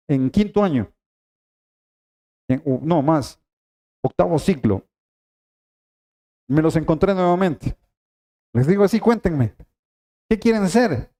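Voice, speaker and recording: High-voiced emphatic male preacher. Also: warm tone. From Ecuador. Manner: emphatic, repeats key phrases, addresses congregation directly. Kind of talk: sermon.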